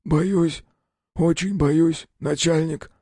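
Guy doing a scared drunk peasant voice, high and gravelly, dark tone, folksy rough talk. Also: fairly even intonation, extremely slow, no room sound, studio quality, full character voice. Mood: wary. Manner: folksy, rough common speech. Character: frightened drunk male peasant witness. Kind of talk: audiobook character voice.

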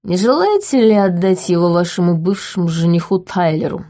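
A woman's voice: fairly low pitch, expressive, normal speed, mellow, natural voice. A woman voicing a drunk, arrogant young crown prince with a mocking, slurred drawl.

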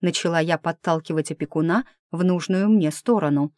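A woman's voice: fairly low pitch, a little fast, darkish tone, dry recording, clean studio sound. A woman narrating a first-person audiobook in a wry, ironic manner.

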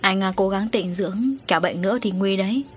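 A woman's voice: mid-range voice, a little fast, slight background noise, natural voice. Audiobook villain type: sarcastic, insinuating man, woman reader. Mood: sly mocking. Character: sly middle-aged man, mocking and insinuating.

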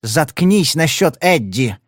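A man's voice: fairly high pitch, big pitch swings, brisk, no echo, studio quality, voice pushed up. A male reader voicing a furious young gangster's woman who shrieks and mocks. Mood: shrill, scornful. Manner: shrieking, scornful.

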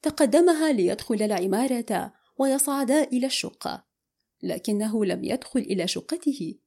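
A woman narrating a novel as an audiobook in steady, unhurried storytelling. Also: fairly high pitch.

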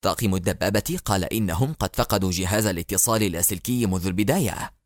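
A man voicing a nervous male helicopter pilot who speaks low, muttering and hesitant. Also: quick pace, no echo, clean studio sound, natural voice.

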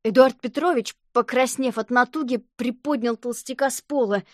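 Woman narrator for a kids' audiobook, fairly high voice, dry close sound. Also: moderate pace, dry recording. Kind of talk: audiobook reading of a children's story.

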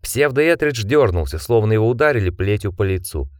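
A man narrating an audiobook in an expressive reading style. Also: on the low side, brisk, no room sound, studio quality. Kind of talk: scripted narration.

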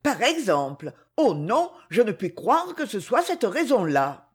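A sincere young heroine, voiced by a woman reading a novel aloud, speaks earnestly and gently. Her voice rises and falls with lively pitch movement. It carries a soft, breathy huskiness. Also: unhurried.

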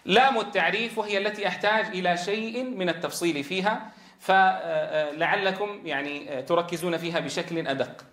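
A man's voice: high-pitched, a little fast, a bit bright. A man teaching Quran recitation rules, quizzing his students with questions and then answering them himself. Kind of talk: tajweed rules lesson. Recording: roomy echo.

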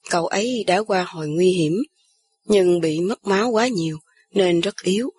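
A grave middle-aged doctor in an audiobook, voiced by a woman reader. His low, slightly husky voice stays measured and serious. He keeps his phrases short. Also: darkish tone.

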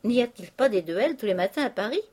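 A woman reading an audiobook, voicing a cynical male ex-convict lodger with a loud, mocking, swaggering delivery. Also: fairly high pitch, expressive, brisk, husky.

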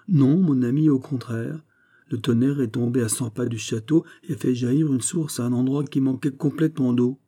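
A man's voice: mid-range voice, steady tone, moderate pace, dark tone, natural voice. A man voicing gloomy Porthos. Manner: mournful, earnest. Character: plump proud male nobleman, gloomy.

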